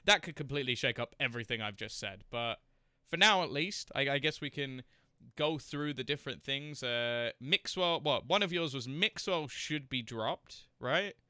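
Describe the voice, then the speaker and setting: A man's voice: medium pitch, lively intonation, moderate pace, bright, forceful tone, clear, resonant tone, no echo, clean studio sound. A man hosting a casual esports podcast, thinking aloud with hesitant word repeats. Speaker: podcast host.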